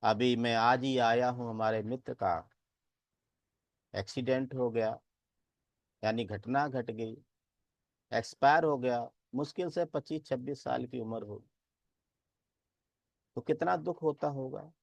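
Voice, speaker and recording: A man giving a Buddhist dharma talk, deliberate, chanting verses and asking rhetorical questions. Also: medium pitch, creaky, dry recording. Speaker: Buddhist teacher.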